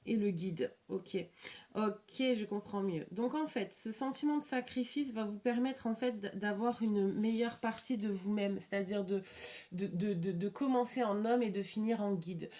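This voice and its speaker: A woman gives an informal, improvised oracle card reading, haltingly repeating and rephrasing herself. She has a slight lisp with slushy s sounds, and her voice is medium-pitched and dark in tone.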